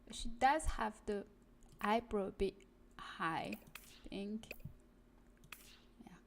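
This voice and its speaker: A woman who is not a native English speaker, giving casual game-stream commentary and pausing to translate in her head as she searches for words. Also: mid-range voice, lively intonation, vocal fry, slight background noise. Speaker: host of a game building stream.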